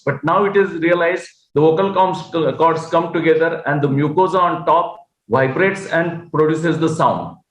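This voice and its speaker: A man's voice: fairly high pitch, roomy sound, poor audio. A man with an Indian English accent giving an online medical lecture, explaining as he goes with many fillers and restarts. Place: at home or in an office on a video call.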